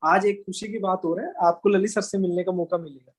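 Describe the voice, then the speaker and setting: A young man at a business training session, telling a story to a live audience in a colloquial, animated way and often checking in with quick tag questions. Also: high-pitched, low-quality recording.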